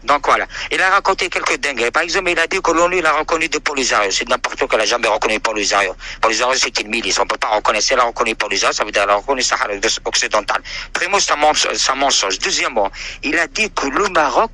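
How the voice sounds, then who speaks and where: A man's voice: medium pitch, racing, bright, forceful tone. A man from Algeria with an Algerian accent, arguing insistently in a heated online debate and leaning on repeated filler phrases. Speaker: speaker in an online audio debate.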